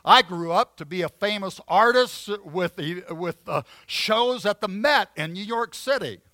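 A man's voice: sits high, expressive, unhurried, pushed and bright, dry recording. A man preaching a sermon, telling a story from his childhood with many fillers and restarts. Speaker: pastor.

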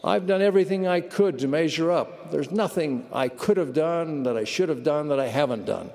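A man's voice: fairly high pitch, normal speed, gravelly, a little mellow, long reverb tail, pitched above the performer's own voice. A man quoting an earnest, firm old gardener. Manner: earnest, firm quoted storytelling. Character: firm older male gardener, later humbled.

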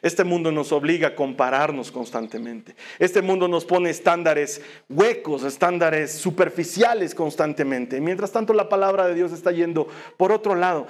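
A middle-aged man, a pastor, preaching a sermon in an earnest way and firing rhetorical questions at his listeners. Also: high-pitched.

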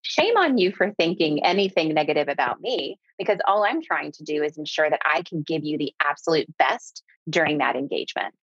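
Speaking emphatically and stressing key words by repeating them, a southeastern American business owner talks as a guest in a conversational interview. Her voice is deep and husky. The recording is dull, with no echo.

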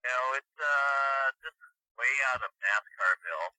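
A man's voice: medium pitch, lively intonation, unhurried, bright, forceful tone, no room sound, low-quality recording. Tipsy man on speakerphone. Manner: loose and rambling, many uhs. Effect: heard over a phone on speakerphone. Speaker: guest calling in. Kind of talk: casual chat.

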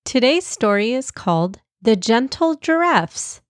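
A woman narrates a children's story with clear, expressive delivery. She speaks slowly, and the recording is dry and close. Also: on the high side, no echo.

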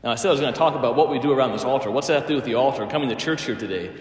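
A man's voice: medium pitch, rapid-fire. A man preaching a sermon as a priest, telling a story with emphatic phrasing in a church. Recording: echoey church with long reverb.

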